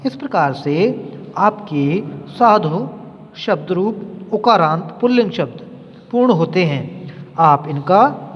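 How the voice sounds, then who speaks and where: A man teaching a grammar lesson, slowly and carefully reciting word forms for students to drill. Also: high-pitched, animated, husky. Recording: dull, reverberant room sound.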